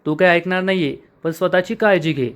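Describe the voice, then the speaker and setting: A man's voice: high-pitched, brisk, a bit bright, clear, resonant tone. A man reading the lines of a rich young man, determined and in love, in a soap recap.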